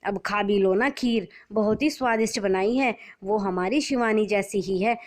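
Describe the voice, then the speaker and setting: A woman voicing a calm, kindly older father-in-law who reasons gently with his wife in a storybook tale. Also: mid-range voice, normal speed, close to an everyday voice. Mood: coaxing.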